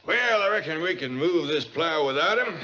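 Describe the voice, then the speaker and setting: An older hillbilly family man in a TV sitcom. His folksy Southern voice is a touch high and moves up and down freely, honest and principled. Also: animated, normal speed, bright, forceful tone, highs cut off. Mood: easygoing, practical. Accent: Southern US rural. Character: plain-spoken, principled hillbilly patriarch. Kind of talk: sitcom acting.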